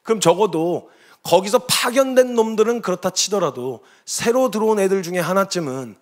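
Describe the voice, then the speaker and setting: A man preaching as a missionary, telling a story with lively delivery and sudden shouted quotes. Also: high-pitched, moderate pace. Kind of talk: sermon testimony.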